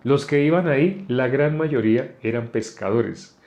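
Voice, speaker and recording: A man, preaching a relaxed Bible lesson. He talks the way you'd chat with friends and keeps checking in with his listeners. His voice sits at an ordinary middle pitch. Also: unhurried. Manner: conversational, asks the listeners questions. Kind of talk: informal sermon on a live stream.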